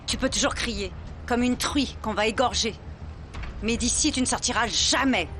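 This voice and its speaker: A woman's voice: fairly high pitch, normal speed, a bit bright, slight background noise, lightly acted. An actress voicing a poor, scheming woman who cruelly taunts her prisoner, in dubbed telenovela acting. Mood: gloating.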